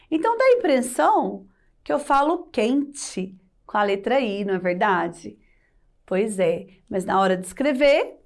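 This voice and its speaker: A Brazilian woman teaching Portuguese in a video lesson for children, explaining slowly and patiently and checking in with rhetorical questions. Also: fairly high pitch.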